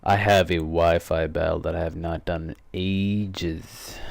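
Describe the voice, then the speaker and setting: Low-voiced teenage guy rambling over gameplay. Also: level tone, gravelly, no room sound. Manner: rambling, self-correcting, quick asides. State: out of breath. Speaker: gaming YouTuber. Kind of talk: casual game commentary.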